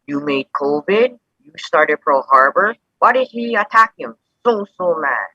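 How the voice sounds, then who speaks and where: An anxious, protective grandson, played by an actor, with a bright, husky voice that rises and falls a lot as he pleads. The sound is dull and dry, with no room at all around it. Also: on the high side, animated, measured pace, no room sound, exaggerated voice. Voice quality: urgent, pleading. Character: worried young adult grandson, anxious and protective. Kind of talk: live-streamed stage play.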